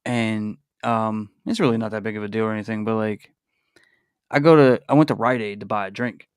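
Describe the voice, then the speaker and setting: A man's voice: lowish voice, fairly even intonation, a little fast, clean tone, no echo, studio quality. A young man hosting a casual livestream podcast, telling stories in a laid-back, slangy way. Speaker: podcast host.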